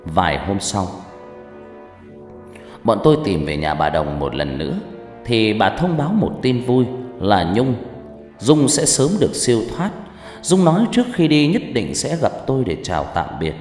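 Guy telling a ghost story, lively swings in pitch, echoey hall, soft music behind. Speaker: audiobook narrator. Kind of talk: scripted horror story narration.

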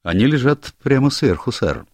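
A man's voice: mid-range voice, very animated, normal speed, no room sound, pitched above the performer's own voice. A man voicing a young, anxious male secretary who stammers and is eager to please, in an audiobook. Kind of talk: audiobook character voice.

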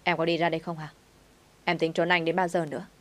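A woman's voice: low-pitched, flat delivery, quick pace, lightly acted. A woman reading the lines of a pleading young man in a told story.

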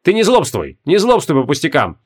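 A man's voice: on the high side, wildly swooping pitch, brisk, husky, heavily acted. A man reading an audiobook voices a big, jovial male sorcerer who teases his friend with lazy banter. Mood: teasing.

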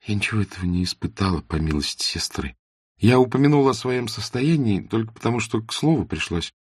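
A man's voice: fairly low pitch, expressive, fast, breathy edge, dry recording, clean studio sound, voice pushed up. A man voicing a shy, reserved young woman. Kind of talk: audiobook character reading.

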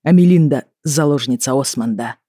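A stern, worried middle-aged father speaks in measured, grave tones, voiced by an audiobook reader, a little raised and firm. The weariness sits under every line. The recording is dry and close, with no room sound. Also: medium pitch, dark tone, no room sound, natural voice. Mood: grave, weary. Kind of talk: audiobook character reading.

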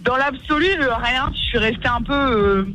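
A woman's voice: on the high side, moderate pace, a bit bright, faint music behind. A woman from northern France phoning a radio show, telling her story casually and matter-of-factly. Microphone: phone call.

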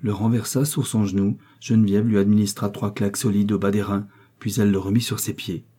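Low, dark-voiced male narrator. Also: level tone, fairly quick, breathy edge. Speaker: audiobook reader. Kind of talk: literary audiobook narration.

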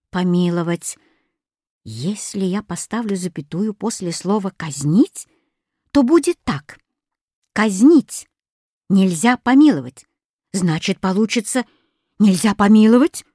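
A woman voicing a schoolboy who reasons things out aloud, eager and a bit raised in pitch, in a storybook reading. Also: animated, a little slow, dark tone, dry recording, studio quality. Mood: puzzling. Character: schoolboy, lazy but trying hard.

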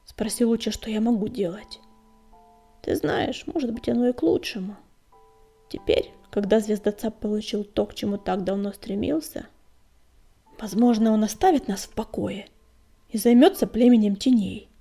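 Lady doing a caring tomcat leader from a storybook, breathy and mellow, bit of music behind. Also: mid-range voice, moderate pace. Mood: worried. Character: male tomcat warrior leader, caring and steady.

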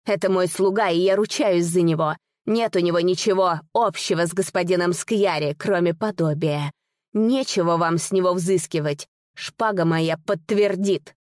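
A woman's voice: mid-range voice, a little slow, few pauses, a little mellow, dry recording, clean studio sound, close to an everyday voice. A woman voicing a brave young noblewoman disguised as a youth, speaking earnestly and fervently.

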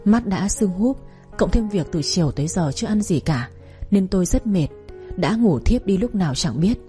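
A woman narrating a first-person romance story in a steady, measured reading. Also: mid-range voice, faint music behind.

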